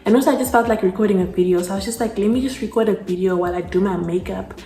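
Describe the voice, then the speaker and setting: A young South African beauty vlogger chats casually while doing her makeup in a get-ready-with-me video, rambling with lots of "like" fillers. She talks at a racing pace, medium pitch, with a warm tone, recorded in an echoey room.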